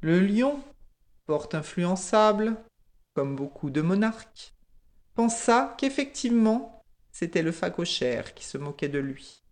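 A storyteller telling an animal folktale with rhythmic phrasing and dramatic pauses. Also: medium pitch, expressive.

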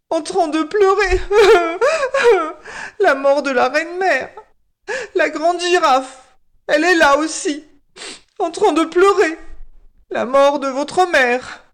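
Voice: very high voice, a bit bright, voice pushed up, full character voice. A storyteller voicing a sly warthog who fake-sobs and fawns over a king while telling tales. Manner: wailing, fake-sobbing, fawning. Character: whiny tattletale warthog, snivelling and sly.

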